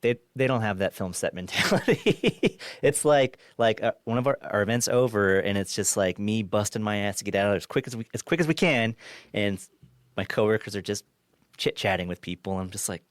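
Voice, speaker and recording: A man's voice: lowish voice, fairly quick, no room sound, clean studio sound. A man from Kansas, a former film assistant director, chatting casually as a podcast guest, restarting sentences, laughing easily and swearing now and then. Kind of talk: casual interview chat.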